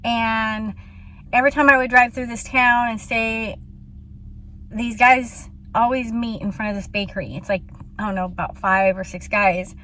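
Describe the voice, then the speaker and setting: A woman's voice: fairly high pitch, steady tone, normal speed, sharp tone, a little hiss or hum. Chatty woman vlogger telling a story. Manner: chatty, rambling, lots of ums and laughs. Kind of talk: casual vlog storytelling. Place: outdoors in a small town.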